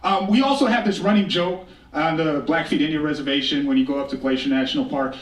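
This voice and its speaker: This is a quick-paced live talk by an American man from the Northern Plains, captured by a far-off microphone in a spacious, echoing indoor venue. He has a quite high voice and tells his story conversationally, with dry wit and repeated lines for effect.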